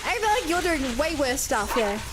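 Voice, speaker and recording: A woman doing casual, excited gameplay commentary, exclamatory and playful. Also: high voice, moderate pace, very noisy. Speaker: game streamer.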